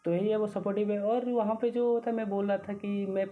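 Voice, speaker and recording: A young man from Odisha, a student guest, talking casually and haltingly, often restarting his sentences. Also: high voice, level tone. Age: young adult. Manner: hesitant, restarts often, mixes in English words. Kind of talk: casual conversation. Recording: phone-like lo-fi audio with faint noise.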